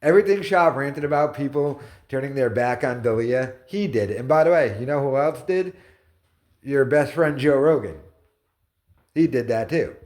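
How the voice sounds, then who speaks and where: A man's voice: medium pitch, expressive, normal speed, darkish tone. Exasperated man ranting off the cuff. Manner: exasperated, mocking. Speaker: YouTube commentator. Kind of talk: reaction commentary, off-the-cuff rant.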